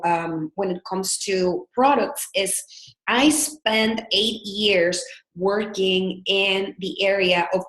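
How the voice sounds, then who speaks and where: A woman from El Salvador with a Salvadoran Spanish accent leads a live webinar as a business coach, earnest and upbeat, using frequent filler words. Her mid-range voice has a fairly bright tone, but the audio is poor and reverberant.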